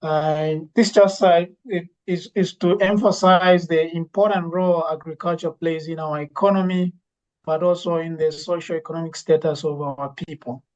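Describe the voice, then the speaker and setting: A woman gives a conference presentation as a university lecturer and plant breeder, pausing often on fillers and restarting her sentences. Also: fairly low pitch, steady tone, a little mellow. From Zambia. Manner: hesitant, many fillers and restarts. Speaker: university lecturer and legume breeder giving a talk. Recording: dull lo-fi recording.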